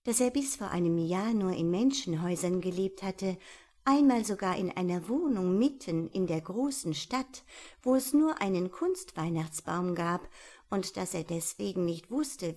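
Slow, calm woman reading a story. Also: lowish voice. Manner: calm, measured, softly expressive. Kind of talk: scripted storybook narration.

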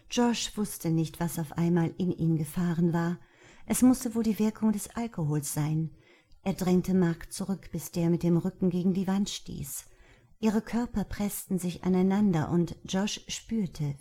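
A woman narrating a novel in a steady, even audiobook reading. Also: on the low side, husky. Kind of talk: scripted narration.

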